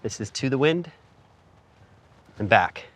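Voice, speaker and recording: A man's voice: mid-range voice, expressive, slow pace, breathy edge. A man from Canada hosting a filmmaking tutorial, upbeat and jokey, asking his guest questions on a lavalier mic. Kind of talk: casual instructional chat. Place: outdoors in cold wind, then indoors. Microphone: lavalier hidden in shirt.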